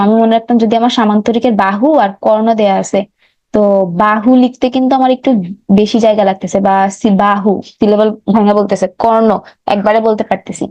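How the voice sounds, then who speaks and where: A young woman, teaching an online recap lecture. Her voice is warm and mellow, and she talks through each step, pausing to correct herself. The recording is dry and a bit dull. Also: mid-range voice, no echo. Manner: talks through steps on a board, frequent self-corrections and fillers.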